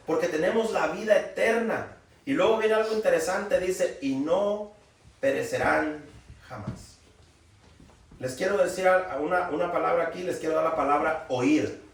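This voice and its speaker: A man preaching a sermon in a folksy, animated way, raising his voice for emphasis. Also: high-pitched. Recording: very echoey room, from far off.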